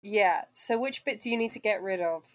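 A woman's voice: medium pitch, normal speed. Curious, playful woman asking questions. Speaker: podcast co-host asking questions. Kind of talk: casual podcast chat.

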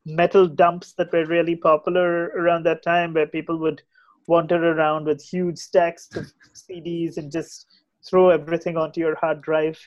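This podcast guest, a man with an Indian English accent, chats casually and gives his views, often going back to repeat or restart phrases. His voice sits on the high side with a level tone and normal speed, and the sound is lo-fi.

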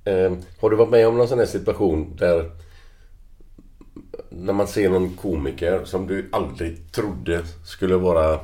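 A man's voice: low-pitched, mellow. A man hosting a casual chat who asks loose, rambling questions and swears bluntly.

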